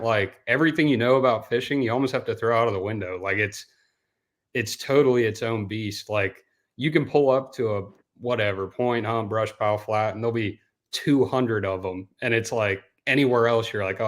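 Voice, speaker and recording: A young man from Denmark speaks as the guest on a casual podcast. He has a somewhat low voice and talks in a loose, rambling way. He says dude a lot. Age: young adult. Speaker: guest, professional bass angler.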